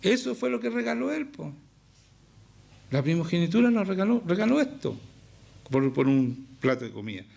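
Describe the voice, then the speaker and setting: A man's voice: high voice, very animated, normal speed, vocal fry, pauses often, a little mellow. A man with a Chilean accent preaching a sermon as pastor, emphatic and often firing questions at the congregation. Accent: Chilean Spanish.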